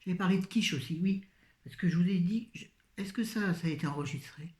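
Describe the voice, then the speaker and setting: A woman with a fairly low, darkish voice talks briskly about the groceries she bought, sounding tired, her voice fading, her remarks scattered and self-mocking. It's a casual vlogger haul recorded by phone in an echoey room.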